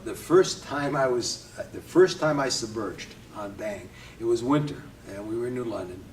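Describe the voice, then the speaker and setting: An older man from Connecticut, a Navy veteran, reminisces in an easygoing interview, often chuckling and pausing with hesitations. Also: medium pitch, expressive, darkish tone, slight background noise. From Connecticut, USA. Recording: roomy, distant from mic, faint ambience.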